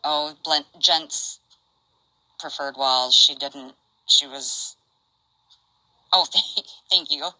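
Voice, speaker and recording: Slow low-voiced older woman rambling. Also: bright, forceful tone, no room sound, rough recording. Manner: rambling, halting, restarts and asides. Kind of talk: casual live-stream chat reading messages.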